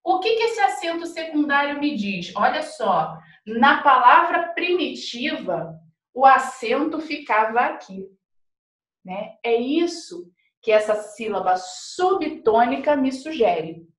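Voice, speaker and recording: Brazilian lady teacher explaining grammar, slow pace, lots of "tá?" and "né?", roomy echo. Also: sits high, big pitch swings, a bit bright. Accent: Brazilian Portuguese. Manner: explains slowly with rhetorical questions and tag questions. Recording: echoey room, from a distance.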